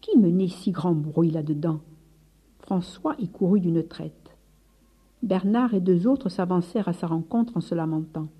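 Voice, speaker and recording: A woman narrating a read-aloud story in measured tones, at times dropping to near whispers. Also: on the low side, mellow, breathy edge.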